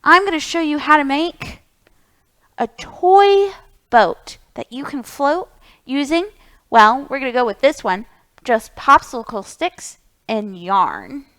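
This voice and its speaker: Hosting a children's storytime at the library, this woman speaks in a high-pitched, animated, fairly bright voice at a slow pace. She reads aloud, explains things, and encourages the kids she's talking to directly.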